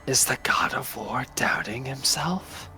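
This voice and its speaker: A man's voice: mid-range voice, animated, a little slow, pushed and bright, faint music behind, heavily acted. A man voicing a zealous, pompous male warrior devoted to his god. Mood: indignant.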